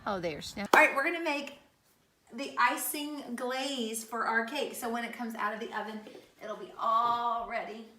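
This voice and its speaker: A woman's voice: on the high side, normal speed, bright, forceful tone. A woman vlogger talking to her pets in a coaxing way, asking them lots of questions. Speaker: pet vlogger. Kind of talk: casual vlog talk to pets. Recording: roomy echo.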